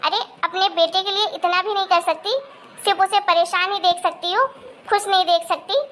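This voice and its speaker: In this homemade family drama, a woman plays a scheming young daughter-in-law with a very high, piercing voice. She is bossy and sneering, and turns sugary when it suits her. A faint hiss runs underneath. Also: steady tone, normal speed, fairly bright tone. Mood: scornful. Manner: sneering and bossy, turns sweet and whiny before her husband. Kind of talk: amateur Hindi family-drama acting.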